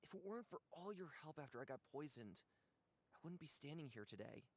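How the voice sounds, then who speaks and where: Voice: medium pitch, big pitch swings, a little fast, no echo, clean studio sound. An actor voicing a young boy in a game, solemn and apologetic, torn by duty.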